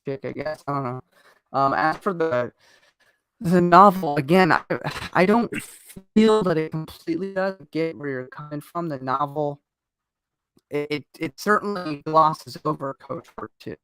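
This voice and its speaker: A man's voice: fairly high pitch, a little slow, fairly bright tone, clean tone, soft background music, poor audio. A man in casual chat as host of a fan discussion show, talking at length with frequent restarts and digressions.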